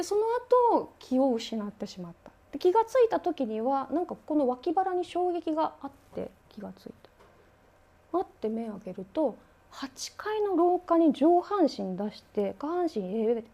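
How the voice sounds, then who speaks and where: A woman's voice: on the high side, animated, moderate pace, vocal fry. A woman who collects ghost stories, telling one as a guest with dramatic pacing and sound effects. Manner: dramatic storyteller, sound effects, drops to hushes. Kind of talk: spoken ghost story telling.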